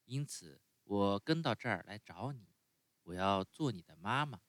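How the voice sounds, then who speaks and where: A man voicing a gentle, motherly fairy woman in a calm, soft way of speaking. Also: lowish voice, a little slow, dry recording.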